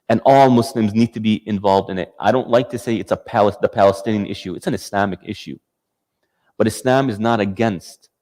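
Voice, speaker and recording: A man's voice: lowish voice, a little mellow, big-room sound. A man giving a passionate talk to an audience, driving his points home with rhetorical questions, then taking their comments. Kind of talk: lecture with audience Q&A.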